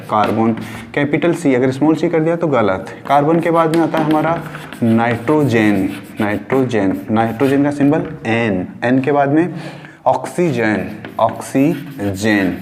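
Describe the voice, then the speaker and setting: A man's voice: mid-range voice, darkish tone, a little hiss or hum. A man from India teaching a science class, repeating key words and asking and answering his own questions as he writes on a board. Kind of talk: class lecture mixing Hindi and English. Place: room with a board.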